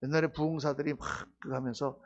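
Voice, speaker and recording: A middle-aged man preaching a Bible exposition sermon as pastor, animated, who asks his listeners questions and answers them himself. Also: medium pitch, fast talker, gravelly, muffled recording. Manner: animated, acts out quoted disciples with sudden loud bursts.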